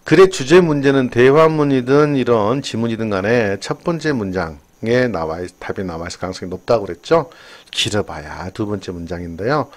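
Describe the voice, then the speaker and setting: A man's voice: fairly low pitch, expressive, a little fast. An older man giving a chatty exam-prep English lesson, drifting into personal asides. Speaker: English teacher.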